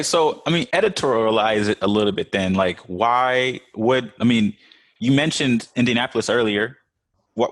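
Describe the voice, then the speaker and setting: A man's voice: lowish voice, fairly bright tone. A man hosting a podcast, asking loose, rambling questions in casual chat. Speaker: podcast host.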